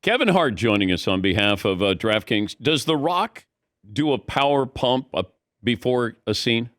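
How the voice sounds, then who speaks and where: A middle-aged male host asking questions in a relaxed, curious manner. His pitch moves around a lot, and the sound is dry and close. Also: moderate pace, no echo. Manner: curious, easygoing, laughs along. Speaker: sports talk show host. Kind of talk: casual interview questions.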